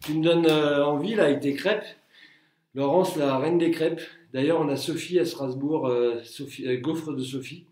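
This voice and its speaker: A man teaching a relaxed live workout class at home, counting reps aloud and joking with viewers. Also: on the high side, moderate pace. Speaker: Krav Maga instructor. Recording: echoey room, from far off.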